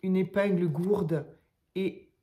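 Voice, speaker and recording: An older woman casually showing craft tags to her viewers, talking softly and chattily with many hesitations. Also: fairly low pitch, fairly even intonation, slow. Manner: chatty, soft-spoken, hesitant with fillers. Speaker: craft channel host.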